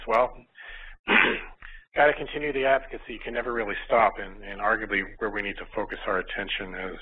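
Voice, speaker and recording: Older man lecturing, tinny phone-like sound. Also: on the low side. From Miami, Florida. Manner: hesitant, many fillers and restarts. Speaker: pediatrician lecturer. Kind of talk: conference lecture with slides. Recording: tinny phone-like recording, faint noise.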